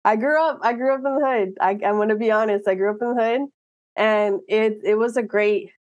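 Earnest, animated woman in her thirties. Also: mid-range voice, a little fast, dry recording, muffled recording. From Miami, United States. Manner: earnest, animated, with frequent restarts and laughs. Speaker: guest. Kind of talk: casual interview conversation.

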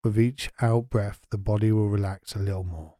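A man guiding a sleep meditation, talking softly, slowly and soothingly. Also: fairly low pitch, fairly even intonation, dry recording, clean studio sound. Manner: soft, slow and soothing. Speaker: meditation guide.

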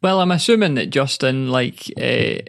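A man's voice: medium pitch, animated, moderate pace, gravelly, no room sound, clean studio sound. A man co-hosting a podcast, laid-back and jokey in casual chat. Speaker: podcast co-host.

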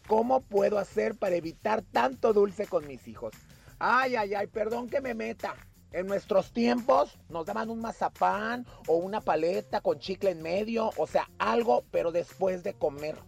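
A man voicing a gossipy, nosy old woman helper who fusses and chatters between the host's segments. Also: high-pitched. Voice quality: creaky, crackly. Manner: chatty, fussy, interjects with ay ay.

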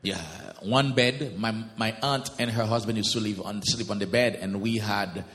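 Casting note: late-thirties man from Haiti, deep-ish voice, earnest guest pastor testimony, reverberant hall. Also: fairly even intonation, moderate pace, a bit bright. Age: 30s. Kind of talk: interview testimony in church.

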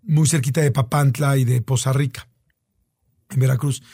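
A man's voice: mid-range voice, steady tone, moderate pace, mellow, slightly rough, no room sound, clean studio sound. A man with a Mexican accent telling a long story in casual chat, with many fillers and repeats.

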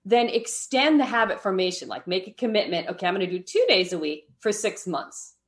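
A woman's voice: mid-range voice, fairly quick. A woman as a podcast guest, explaining meditation habits in a friendly, explanatory way and often checking in with "right?". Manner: explanatory, often tags "right?", light laughs. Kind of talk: podcast interview.

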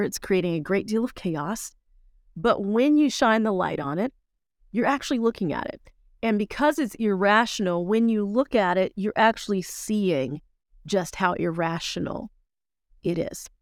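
A woman's voice: mid-range voice, no echo. Emphatic woman coaching on a podcast, dry sound. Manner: emphatic, repeats key phrases, speeds up and slows down to stress words. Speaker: podcast host and life coach. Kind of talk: motivational coaching podcast talk.

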